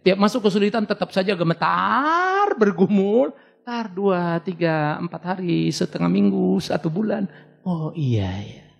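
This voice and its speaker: Give me a middle-aged pastor preaching in a lively, high, animated voice. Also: male voice, measured pace, gravelly, long reverb tail. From Indonesia. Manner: animated, joking, with lively acted-out dialogue. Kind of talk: sermon.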